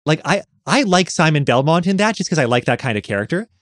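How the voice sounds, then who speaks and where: Male podcast co-host, sarcastic casual riffing, animated delivery, dry booth sound. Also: fairly high pitch, fast talker, no echo. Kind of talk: casual chat.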